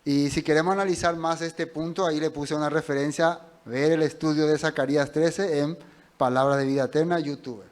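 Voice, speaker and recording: Male pastor, slightly high voice, conversational sermon, rhetorical questions. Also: steady tone, fairly quick.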